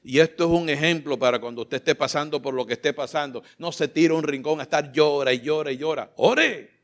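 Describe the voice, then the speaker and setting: A man preaching a sermon, impassioned and fervent, climbing to loud exclamations and at times choked with emotion. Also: on the high side, fairly even intonation, fast talker. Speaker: pastor. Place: church sanctuary.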